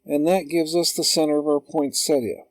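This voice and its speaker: A man calmly talking through a drawing tutorial step by step, in an unhurried voice-over. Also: on the high side, no echo. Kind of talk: slow screen-recorded tutorial.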